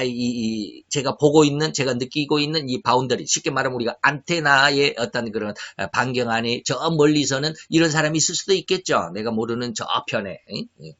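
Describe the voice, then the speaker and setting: A man preaching a sermon in an earnest, confessional way, often pausing with hesitant fillers. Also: medium pitch, a bit bright. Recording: dull lo-fi recording.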